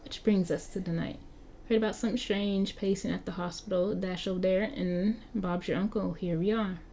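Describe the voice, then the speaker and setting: Voicing a brash vampire who was once a street kid and has stayed nineteen-looking for more than a century, a woman with a Southern US accent reads an interactive story aloud. She talks at normal speed in a medium-pitched, mellow, steady voice close to everyday speech, with slight background noise. Her manner is flippant, slangy and chatty.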